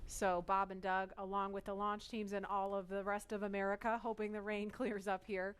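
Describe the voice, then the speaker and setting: A woman hosts live event coverage in a clear, smooth voice at a medium pitch. She explains and hands over in an unscripted live commentary style. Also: flat delivery, normal speed. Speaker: launch broadcast host.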